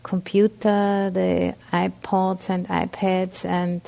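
An Austrian woman with an Austrian German accent, a Buddhist nun, gives a dharma talk at a meditation center. She speaks haltingly, full of fillers and restarts, in a fairly low, level, creaky voice with a dark tone.

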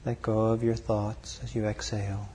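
A man leading a guided meditation, calm and unhurried, speaking in short phrases with long pauses between them. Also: lowish voice, a little hiss or hum. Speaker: meditation teacher.

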